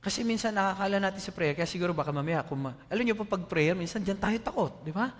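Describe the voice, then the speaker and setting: A man with a Filipino accent preaching a sermon as a pastor, animated and conversational, often asking the congregation questions. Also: high-pitched, quick pace, in a large hall.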